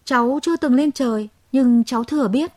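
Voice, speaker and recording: A woman's voice: high-pitched, brisk, a little mellow. A woman voicing a naughty young boy frog who skips school, with a childish, whiny way of talking. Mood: sulky boastful.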